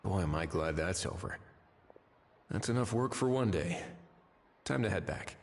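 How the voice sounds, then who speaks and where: A composed low-voiced investigator. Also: male voice, expressive, normal speed. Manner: composed, authoritative. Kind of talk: video game voice acting.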